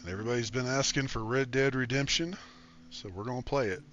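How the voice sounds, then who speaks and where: A man streaming a game, greeting viewers by name in relaxed live-stream chat. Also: medium pitch, fast, muffled recording, faint music behind. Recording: stream with steady background noise.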